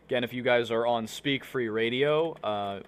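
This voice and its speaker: A man's voice: mid-range voice, normal speed, smooth. A man hosting a live online show, talking casually and rambling with many fillers while fighting hiccups. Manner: rambling, filler-heavy, restarts often. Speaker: livestream show host. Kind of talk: casual livestream talk to viewers.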